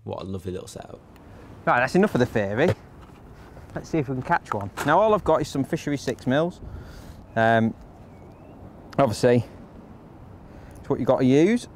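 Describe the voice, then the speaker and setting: A man's voice: medium pitch, lively intonation, moderate pace, pauses often, a little hiss or hum. Man explaining a fishing setup. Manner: practical, chatty step-by-step explaining. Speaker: angler demonstrating fishing rigs, channel host. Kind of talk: instructional how-to talk. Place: outdoors by a lake on a windy day.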